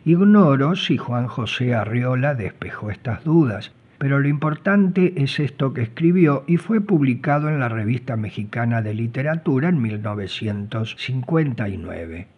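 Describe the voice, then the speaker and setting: Male presenter, husky, literary commentary, muffled lo-fi sound. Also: medium pitch, lively intonation, normal speed, few pauses. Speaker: presenter introducing a story. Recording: dull lo-fi recording.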